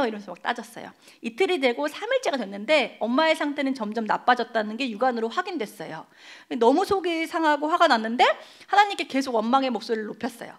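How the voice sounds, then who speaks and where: Lively high-voiced woman giving testimony. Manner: emotional storytelling, acts out quoted dialogue. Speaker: guest speaker at a church service. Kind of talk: personal testimony in a sermon.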